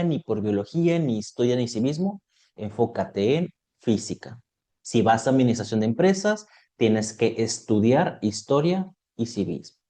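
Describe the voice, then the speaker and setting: Guy tutoring online, mellow warm tone, walks thru topics n keeps checking u follow. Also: medium pitch. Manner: explains step by step, checks in with "¿de acuerdo?". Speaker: exam prep tutor. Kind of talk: online lesson.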